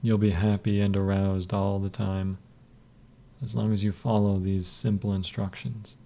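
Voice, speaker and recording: A man voicing a cruel, scheming male hypnotist who speaks slowly and softly in a commanding way. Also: on the low side, little pitch movement. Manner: slow, soft, commanding.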